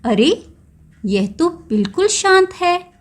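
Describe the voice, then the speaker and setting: A woman's voice: extremely high pitch, sing-song, takes it slowly, pitched above the performer's own voice, exaggerated voice. A woman voicing a clever, wary male jackal in a children's story, sounding sly and suspicious.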